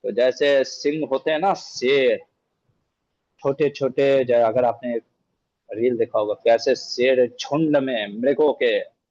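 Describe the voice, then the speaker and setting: A man's voice: mid-range voice, slow, darkish tone, dry recording, lo-fi sound. A man giving a scripture discourse, telling the story with animation and acting out the quoted lines. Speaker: scripture teacher.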